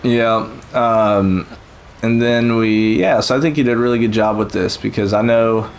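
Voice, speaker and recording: Man, lowish voice, casual encouraging chat, rambling, faint background hiss. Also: fairly even intonation, normal speed, poor audio. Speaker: co-host touring a theme park build. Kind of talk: casual chat over gameplay.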